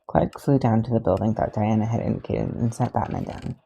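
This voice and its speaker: A podfic reader narrating fan fiction in an even, steady read. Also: medium pitch, brisk, gravelly, slight background noise, rough recording.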